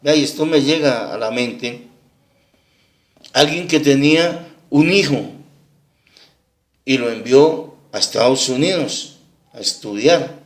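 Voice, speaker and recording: A male pastor preaching in a roomy, echoing hall. His voice sits at an ordinary middle pitch. He keeps checking in with his congregation with a short "¿sí?" as he tells his story. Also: slow, pauses often. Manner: tells a story to make his point, asking "¿sí?" again and again. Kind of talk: sermon. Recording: echoey room.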